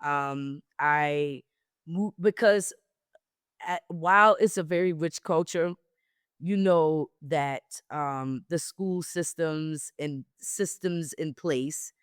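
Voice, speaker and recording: A woman from South Carolina, a travel company founder, telling her story candidly as an interview guest, with a mostly neutral American accent that keeps a slight South Carolina Lowcountry trace. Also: takes it slowly, smooth, dry recording, studio quality. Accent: General American, slight South Carolina Lowcountry. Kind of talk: casual interview conversation.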